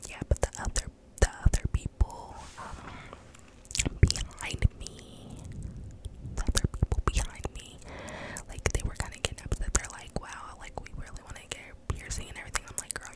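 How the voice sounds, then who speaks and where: A young woman whispering a casual, rambling ASMR story time in slangy speech, very close to the microphone. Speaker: ASMR creator telling a personal story.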